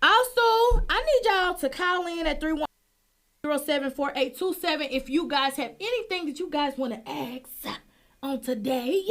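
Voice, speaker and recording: A woman with a high voice runs a casual live internet radio show. She talks in an excited, rambling way, repeating herself and calling out listeners. She speaks into a close studio microphone. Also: moderate pace. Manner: excitable, chatty, repeats herself, lots of shout-outs.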